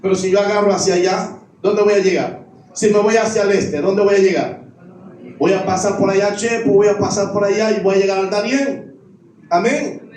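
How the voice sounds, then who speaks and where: A man's voice: sits high, normal speed, a little mellow, slight background noise. A middle-aged man, a pastor, preaching a sermon with repeated refrains. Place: church sanctuary. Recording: echoey church, voice from far off.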